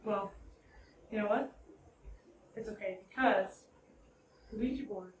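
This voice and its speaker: A woman working as a tour guide, talking informally and a little haltingly to a small group as she explains things inside a house. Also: medium pitch. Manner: conversational, halting, loosely explanatory. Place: indoors in a house parlor. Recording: roomy echo, distant mic, background noise.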